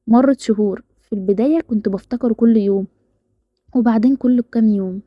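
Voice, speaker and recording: A woman with an Egyptian Arabic accent reading a first-person story in rapid, even narration. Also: medium pitch, dry recording, highs cut off.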